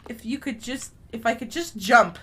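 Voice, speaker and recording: A woman's voice: fairly high pitch, normal speed, fairly bright tone, slightly rough. A woman streamer giving casual live-stream commentary over a game, playful and giggly, with dramatic reactions.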